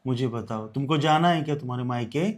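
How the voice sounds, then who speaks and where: A man's voice: medium pitch, quick pace, close to an everyday voice. An actor playing a middle-aged father who coaxes his crying daughter-in-law and then scolds his son, in a short film. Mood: coaxing. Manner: coaxing then angry scolding. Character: stern father of the family, middle-aged man. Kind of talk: amateur short-film acting.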